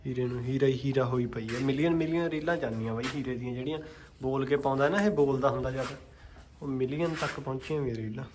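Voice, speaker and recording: A man's voice: medium pitch, fast talker. A man with a Malwai Punjabi accent chatting casually and informally to viewers as a vlogger who keeps horses. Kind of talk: casual vlog chat. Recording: noisy handheld vlog with ambient sound.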